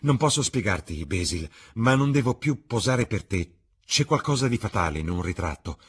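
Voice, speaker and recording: A charming, evasive young gentleman with a husky edge to his voice and a raised, lively pitch, as a male reader puts him on. He speaks lightly and with emphasis, in an audiobook reading. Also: normal speed.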